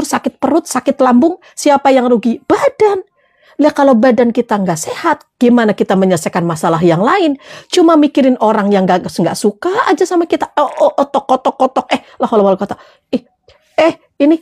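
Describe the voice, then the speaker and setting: Woman motivational trainer, high voice, chatty and quick to laugh, answers viewers. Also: a little mellow. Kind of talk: casual motivational talk to followers.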